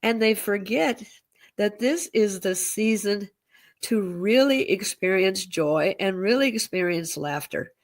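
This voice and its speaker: A woman co-hosting a casual chat, speaking reflectively and often repeating words as she gathers her thoughts. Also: mid-range voice. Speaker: co-host.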